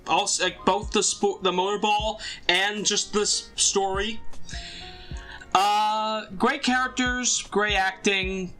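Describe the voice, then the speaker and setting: A man's voice: sits high, fairly even intonation, slow, bright, forceful tone, faint music behind. A man co-hosting a casual film review chat, earnest and enthusiastic, with some teasing.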